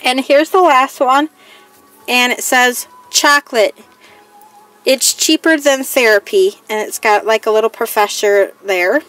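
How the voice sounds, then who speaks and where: A woman's voice: on the high side, unhurried, a bit bright, faint music behind. A woman crafting vlogger chatting casually through a haul, reading each item aloud in a plain, listing way. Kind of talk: casual haul show-and-tell.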